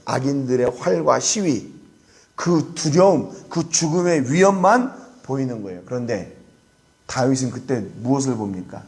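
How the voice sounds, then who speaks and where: A man preaching at an early-morning prayer service, with a mid-range voice that is neither high nor low. He speaks earnestly, acting out the voices of scoffers and then falling to a quiet hush to drive home a point. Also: expressive, moderate pace. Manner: earnest preaching, acts out scoffers' voices, rising then dropping to soft emphasis. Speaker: pastor.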